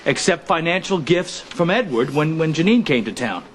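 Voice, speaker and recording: A man's voice: a little high, animated, normal speed, a little hiss or hum, close to an everyday voice. A man playing a wisecracking lawyer. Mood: wry. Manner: wry, blunt. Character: wisecracking blunt male lawyer. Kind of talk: soap opera acting.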